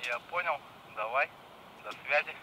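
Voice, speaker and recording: A man's voice coming through a handheld walkie-talkie, with clear hiss and static around it. He keeps his replies short and matter-of-fact, checking in from out in the woods. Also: on the high side, moderate pace. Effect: voice over a handheld walkie-talkie radio. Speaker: camping companion chopping poles. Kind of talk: radio check-in chat. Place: outdoors in the woods. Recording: noisy distant walkie-talkie transmission.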